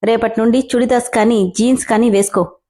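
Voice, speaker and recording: Strict young boss, scolds in clipped orders; a woman reads him in her own mellow voice. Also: a little high, fairly even intonation, a little fast, natural voice. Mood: stern. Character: stern young male company boss, curt.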